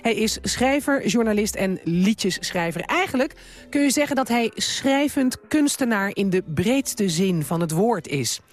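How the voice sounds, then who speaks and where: A woman's voice: medium pitch, animated, measured pace. A woman hosting a radio programme, presenting with light, wry asides. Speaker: radio host.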